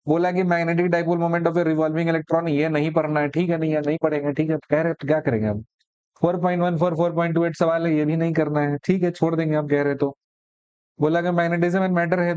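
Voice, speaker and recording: A man's voice: a little high, darkish tone, clean tone, dry recording, dull audio. A man teaching physics for exam prep in a conversational lecture, sarcastic as he rattles off deleted topics.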